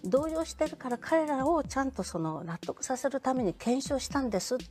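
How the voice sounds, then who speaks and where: A woman political commentator speaks on a TV panel, pressing her point with insistent, pointed phrasing. Her pitch swings widely as she argues. Soft music plays faintly behind her. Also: sing-song, fairly quick. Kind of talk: TV panel discussion.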